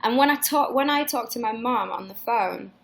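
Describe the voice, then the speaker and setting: Chatting casually with fans during a livestream Q&A, this twenty-something singer speaks at normal speed in a voice on the high side. She has a mixed Northern English accent and rambles, swearing and starting over many times.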